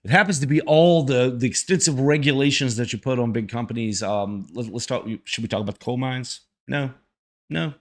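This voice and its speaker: A man's voice: medium pitch, normal speed. Casual man reacting to videos.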